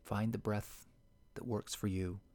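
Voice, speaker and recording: Male meditation guide, lowish voice, unhurried, hushed delivery. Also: little pitch movement. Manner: soft, slow and soothing, sometimes sinking to a whisper.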